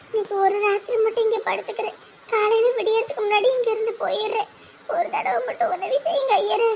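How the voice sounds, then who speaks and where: A woman voicing a nagging, sharp-tongued old mother-in-law in an animated drama, who scolds and later pleads. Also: very high voice, quick pace, noisy background. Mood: pleading.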